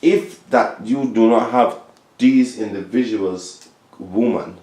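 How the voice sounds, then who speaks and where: A man in his late thirties, with a lowish, slightly mellow voice and a slow pace, takes part in a casual group discussion. He is insistent and lecturing, pressing his point on the others and repeatedly saying "listen to me" and "trust me." The room is echoey.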